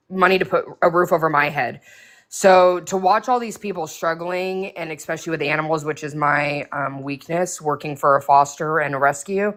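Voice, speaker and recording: Woman talking with an echo on her voice, earnest, kinda low, encouraging the room. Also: fairly bright tone. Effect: echoing sound. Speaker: speaker in a live audio chat room. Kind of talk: casual heartfelt talk.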